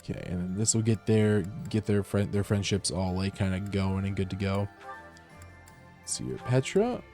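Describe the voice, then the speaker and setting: A man playing a game on a home stream talks casually into his headset mic, rambling with lots of fillers and restarts. His lowish, mellow voice has lively intonation and a moderate pace, and faint music sits behind it.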